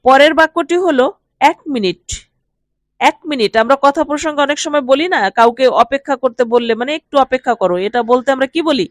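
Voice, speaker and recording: A woman with a Bengali accent gives a language lesson, saying each phrase slowly twice before explaining what it means. Her voice sits high, and there's no echo.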